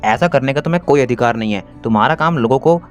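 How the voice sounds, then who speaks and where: A man's voice: medium pitch, fast, faint music behind, close to an everyday voice. A man voicing a pair of angry schoolgirls who scold and demand answers. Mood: indignant. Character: two angry scolding schoolgirls, speaking together.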